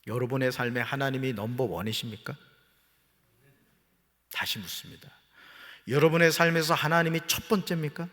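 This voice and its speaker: Korean pastor preaching in a reverberant church. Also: male voice, medium pitch, moderate pace, pauses often, a bit bright. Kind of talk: sermon. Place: church sanctuary. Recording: long church hall reverb.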